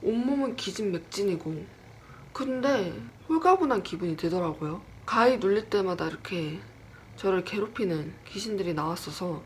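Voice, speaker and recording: Woman, casual horror storyteller, animated delivery, acts out quotes, medium pitch. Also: normal speed, a little hiss or hum. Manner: lively, acts out quoted lines; self-deprecating, chatty asides.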